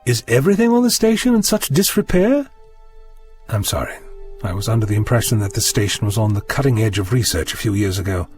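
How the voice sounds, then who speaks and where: A man's voice: fairly low pitch, animated, a little fast, darkish tone, faint music behind, close to an everyday voice. A man playing an eccentric, curious time-travelling doctor in an audio drama, polite but dismissive, with a musing theatrical delivery. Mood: bemused, wry. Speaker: lead actor in an audio drama.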